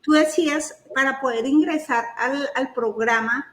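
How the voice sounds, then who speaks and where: Mujer presentadora de voz aguda, conversación animada y risueña; grabación con eco de sala. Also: female voice, sits high, measured pace. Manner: lively, laughing storyteller. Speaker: host. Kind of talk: casual interview talk. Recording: roomy echo.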